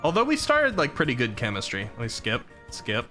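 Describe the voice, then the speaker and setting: A man's voice: mid-range voice, wildly swooping pitch, a little fast, bright, forceful tone. A man hosting a livestream, commenting casually on old clips in a playful, self-mocking way. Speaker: streamer, host. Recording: faint music behind voice.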